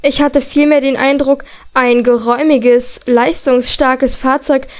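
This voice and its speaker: A woman with a high voice narrating a fantasy novel in the first person. Her reading is steady and expressive, carrying the story along scene by scene. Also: a little slow, soft background music. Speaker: audiobook reader.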